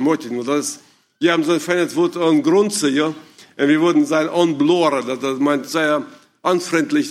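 A man giving an informal talk to parents, halting and searching for words as he asks the audience questions. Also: a little high. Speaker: speaker addressing parents.

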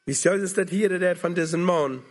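A man's voice: high voice, a little fast. A man preaching a sermon, earnestly pleading with listeners to come to Jesus.

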